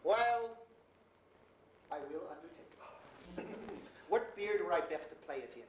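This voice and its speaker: A man plays a boastful weaver who booms and swoops through his lines. The sound comes from far off on an echoey stage, with a steady hiss behind. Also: a little slow. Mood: eager. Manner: boastful, theatrical, booming. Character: boastful eager male weaver Bottom, loud and showy. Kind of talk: stage Shakespeare performance. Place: theatre stage. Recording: roomy stage from far off, noisy.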